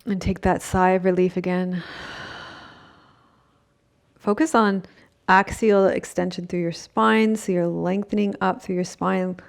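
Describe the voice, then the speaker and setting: Woman yoga teacher doing guided breathing, really slow, pauses a lot, breaths and sighs you can hear. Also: on the low side, fairly even intonation, vocal fry. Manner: slow, pausing delivery in short phrases.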